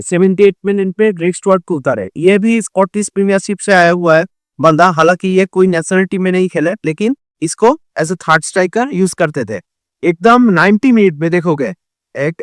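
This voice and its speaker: A man's voice: high voice, smooth, dry recording, clean studio sound. A man giving casual football analysis, hesitant with many fillers and restarts. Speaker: football commentator.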